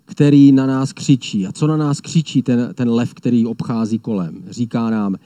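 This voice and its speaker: Earnest preacher with a deep, mellow voice. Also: male voice, fairly even intonation, dry recording. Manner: earnest, measured, repeats phrases. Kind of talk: sermon.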